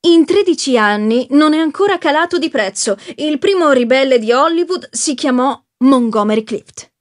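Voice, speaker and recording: A woman's voice: sits high, lively intonation, normal speed, voice pushed up. A woman reading as a self-assured acting coach. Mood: knowing. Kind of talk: audiobook reading.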